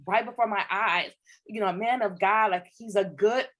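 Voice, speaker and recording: A woman's voice: medium pitch, brisk, a bit bright. Middle-aged woman, earnest and emotional co-host, mid-range voice. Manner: heartfelt and emotional, searching for words. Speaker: podcast co-host. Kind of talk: casual conversational podcast chat.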